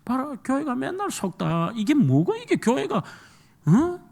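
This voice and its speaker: A man's voice: very high voice, wildly swooping pitch, measured pace, creaky, darkish tone, pitched above the performer's own voice, exaggerated voice. A man voicing a blunt, grumbling older church deacon who complains.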